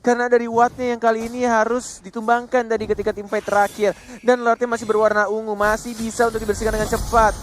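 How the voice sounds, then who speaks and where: High-pitched Indonesian male esports caster. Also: quick pace. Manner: excitable, dramatic calls with English catchphrases mixed in. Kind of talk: live esports play-by-play commentary.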